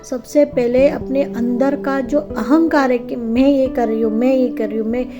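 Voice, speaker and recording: A woman voicing a calm, wise old male saint who explains his lesson patiently. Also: sits high, normal speed, loud music behind the voice, lightly acted. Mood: instructive. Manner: patient, gently instructive.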